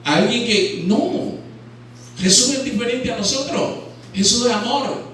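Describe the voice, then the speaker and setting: A Nicaraguan pastor delivers a sermon in a church hall, his high, carrying voice often turning to put questions to the congregation. He speaks at a measured pace with a slightly bright tone. The very echoey hall makes his voice ring, and it is picked up from some distance off the mic.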